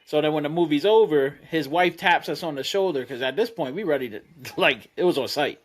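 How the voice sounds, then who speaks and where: Man, thirties, higher-pitched, casual and profane, storytelling, acts out quotes. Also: brisk. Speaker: podcast panelist.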